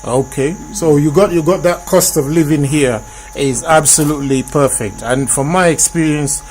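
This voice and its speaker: A man's voice: a little high, normal speed, darkish tone, a little hiss or hum. A man hosting a casual group discussion, often repeating and rephrasing his points for emphasis. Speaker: host.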